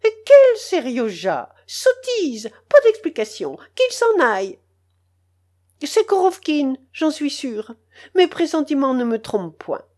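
A shrill, imperious old matriarch, as a woman reads her in an audiobook, shouting orders in a high, sharp voice that leaps and swoops. She sounds suspicious and utterly sure of herself. Every line lands as a command. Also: sing-song, takes it slowly, exaggerated voice. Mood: furious.

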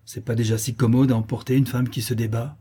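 A man's voice: mid-range voice, little pitch movement, fast, warm tone, slightly rough. A man voicing a frightened young boy accomplice in an audiobook, anxious and pleading. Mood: fearful.

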